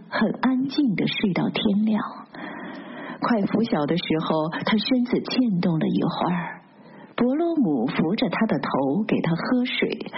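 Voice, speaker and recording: A woman reads a literary novel aloud at a steady, measured pace, with a voice of medium pitch. The recording sounds dull and lo-fi, with a faint hiss underneath. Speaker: audiobook narrator.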